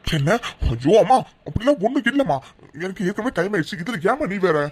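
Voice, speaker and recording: Cartoon son, young man in a hurry, husky low tone, played by a woman. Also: big pitch swings, fairly quick. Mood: impatient. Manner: impatient, brushing off his mother. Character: young man, hurried son late for college.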